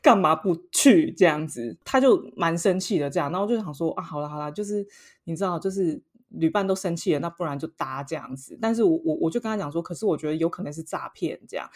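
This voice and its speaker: A woman's voice: low-pitched, fast. A woman speaking Mandarin with a Taiwanese accent, co-hosting a casual podcast. She tells her stories with lots of energy, acting out quotes and laughing between them. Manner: animated, acts out quotes, laughs often. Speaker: podcast co-host. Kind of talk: casual chat, storytelling.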